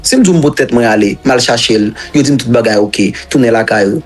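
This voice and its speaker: A man's voice: medium pitch, a little fast, soft background music. A man from Haiti with a Haitian accent, recounting his own story as an interview guest in a rambling, repetitive way and mixing languages.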